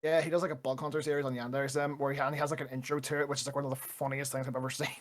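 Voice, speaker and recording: A young man co-hosting a casual podcast chat. He swears freely, laughs often and breaks into quick rants. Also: medium pitch, flat delivery. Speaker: podcast co-host.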